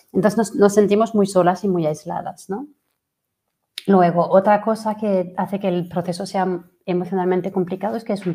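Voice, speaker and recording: Presenting a webinar by video call, a woman from France in her forties who works as a fertility coach speaks in a mellow, fairly low voice. She hesitates often, filling gaps and restarting her sentences.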